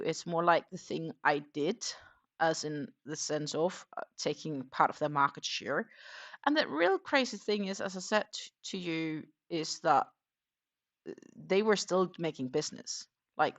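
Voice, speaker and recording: Here the crochet channel host, a middle-aged non-native German speaker, talks casually about her weekend in a rambling, chatty way, dropping frequent ums. Her pitch is fairly low and her tone slightly bright.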